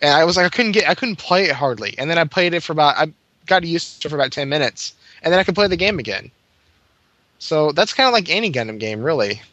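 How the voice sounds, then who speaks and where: A man's voice: fairly high pitch, expressive, fast, bright, forceful tone, no room sound, lo-fi sound. A man chatting casually about video games, rambling with lots of fillers and restarts. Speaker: podcast co-host.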